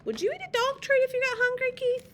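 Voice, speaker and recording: A woman's voice: very high voice, steady tone, quick pace, a bit bright, slight background noise, voice pushed up. Woman doing a whiny little storybook boy. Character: mischievous little boy making excuses.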